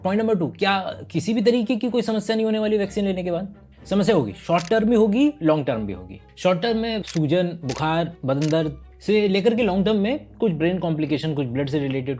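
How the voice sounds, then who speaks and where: A man's voice: high voice, darkish tone. A man hosting a science channel, explaining in a conversational monologue full of rhetorical questions and everyday examples. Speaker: science educator, channel host.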